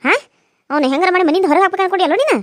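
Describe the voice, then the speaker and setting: A woman's voice: extremely high pitch, very fast, no echo, clean studio sound. A woman voicing a scheming middle-aged mother-in-law in a cartoon serial, scornful and dismissive.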